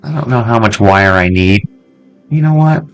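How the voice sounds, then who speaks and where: A man hosting a casual let's-play, chatting to himself in an excitable way and swearing freely as he loots. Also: lowish voice, normal speed, soft background music. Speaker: gameplay video host.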